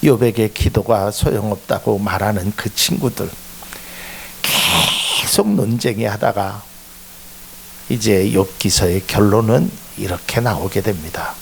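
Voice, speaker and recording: A man's voice: on the low side, a little slow, vocal fry, slight background noise. A middle-aged male pastor preaching a sermon, acting out quoted voices and rising to emphatic peaks.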